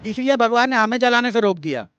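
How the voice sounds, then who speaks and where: Rough street tough lecturing, super high voice, dull sound. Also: male voice, expressive, fast, a bit bright. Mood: scornful. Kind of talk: Hindi film dub. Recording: slightly dull with faint hiss.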